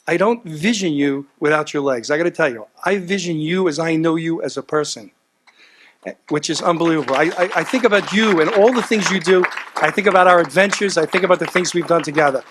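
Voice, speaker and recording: A man giving a heartfelt speech at a gala, earnest and repetitive, telling stories with animation. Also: fairly high pitch. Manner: earnest, repeats himself, animated storytelling. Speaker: gala speaker. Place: event hall.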